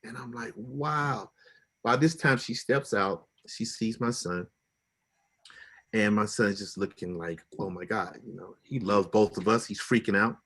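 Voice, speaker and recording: A man's voice: fairly low pitch, measured pace, a bit bright, slightly rough. A middle-aged man telling a personal story with feeling, acting out the people he quotes with big jumps in his voice.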